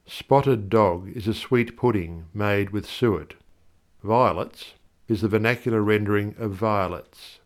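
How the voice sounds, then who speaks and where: A man reading a measured, explanatory introduction to a book of verse. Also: lowish voice. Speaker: audiobook reader.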